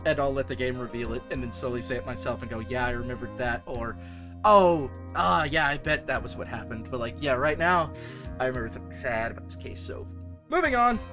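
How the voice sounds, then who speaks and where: A streamer chatting casually while playing a game, rambling and trailing off softly. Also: mid-range voice, animated, a little fast, music in the background.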